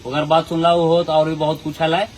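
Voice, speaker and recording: A channel host talks earnestly to his viewers, pleading with them in a folded-hands appeal during casual commentary. His voice sits on the high side, monotone, at a moderate pace, with a little hiss or hum in the audio.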